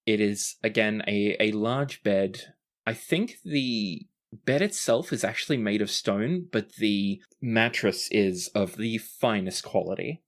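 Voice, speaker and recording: As game master, a person with a medium-pitched voice casually narrates a tabletop roleplaying game, speaking slowly with lively intonation.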